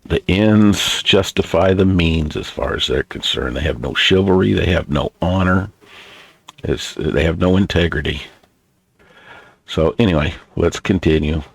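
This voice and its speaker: An older man with a gravelly grandpa voice, rambling casually and bluntly as a reaction video host, halting and unhurried. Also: low voice, dry recording.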